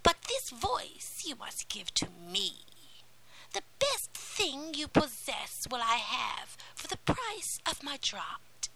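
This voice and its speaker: A shrill, scheming old sea witch, put on by a woman in whispered role-play, her high voice leaping and swooping between hushed breath and bright, sharp cries. The sound has a gravelly edge over a faint hiss. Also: wildly swooping pitch, slow pace, heavily acted, poor audio. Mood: demanding.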